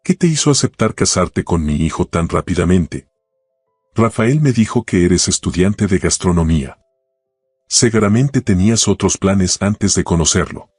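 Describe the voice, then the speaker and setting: A man with a deep, husky voice voicing a shrewd, warm older wealthy woman who questions gently but pointedly. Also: animated, normal speed, no echo, studio quality, soft background music. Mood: probing. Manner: gently probing, affectionate.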